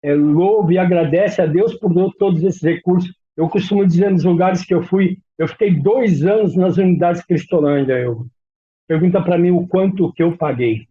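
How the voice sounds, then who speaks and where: A man's voice: sits high, normal speed, warm tone, lo-fi sound, a little hiss or hum. A man speaking as a missionary guest in an interview, giving an earnest, testimony-like account. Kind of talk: interview talk.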